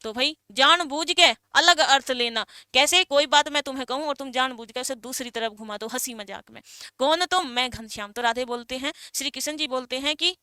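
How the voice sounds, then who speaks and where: A woman's voice: sits high, a little fast, hardly any pauses, bright, forceful tone, smooth, no echo, studio quality. A woman teaching an exam-prep class, explaining with rhetorical questions and calling her students beta and bhai. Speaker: Hindi teacher.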